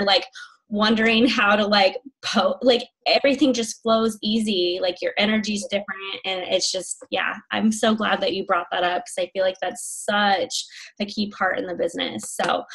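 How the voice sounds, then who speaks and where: A woman leading a team video call, energetic and rallying, pumping everyone up. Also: mid-range voice.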